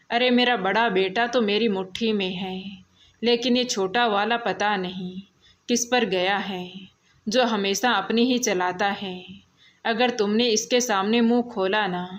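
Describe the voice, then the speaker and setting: A woman voicing a cruel, scheming middle-aged mother-in-law who scolds and threatens, in a slow storybook telling. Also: mid-range voice, close to an everyday voice. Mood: threatening.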